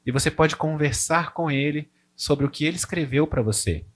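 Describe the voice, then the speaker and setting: A man's voice: fairly high pitch, moderate pace. A man, a pastor giving a conversational sermon who tells stories and acts out prayers. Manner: informal, storytelling, acts out prayers and dialogue with God.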